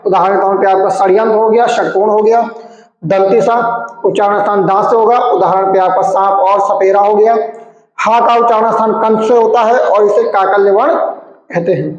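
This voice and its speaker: A man's voice: sits high, steady tone, moderate pace. A young man teaching an exam-prep grammar lesson, asking questions and answering them himself, with frequent "theek hai" check-ins. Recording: very echoey room, long reverb, dull sound.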